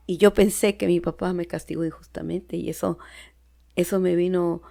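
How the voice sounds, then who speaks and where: A woman's voice: fairly low pitch, fairly even intonation, moderate pace, vocal fry, dark tone. A woman with a Peruvian Spanish accent giving an earnest personal testimony in conversation, often dropping to a near-whisper. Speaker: podcast guest. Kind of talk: personal testimony in casual chat.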